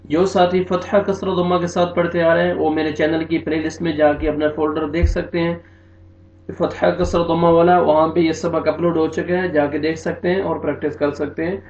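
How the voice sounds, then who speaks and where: A man with an Urdu-speaking accent teaching Quran recitation, slowly drawing out verses and then explaining the rules in plain speech. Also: a little high, little pitch movement, darkish tone. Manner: slow drawn-out recitation between plain spoken explanations. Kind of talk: tajweed recitation lesson. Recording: echoey, dull lo-fi sound.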